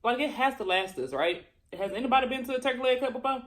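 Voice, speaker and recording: A woman chatting casually and colloquially to viewers during a mukbang, chewing as she talks and pausing between bites. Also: on the high side. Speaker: mukbang vlogger. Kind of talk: casual chat to viewers while eating.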